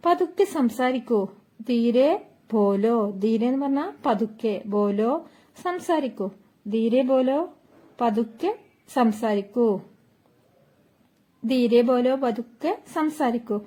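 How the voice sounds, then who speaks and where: A woman's voice: a little high, animated, takes it slowly, pauses often, dark tone. A woman teaching Hindi phrases, patiently repeating each one several times. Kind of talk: slow language lesson, repeating each phrase.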